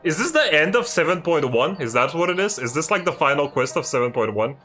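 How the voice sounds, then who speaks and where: A man streaming a video game, ranting and swearing in exasperated, loud commentary about the story. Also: fairly high pitch, very animated, fast, faint music behind. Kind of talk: live gameplay commentary.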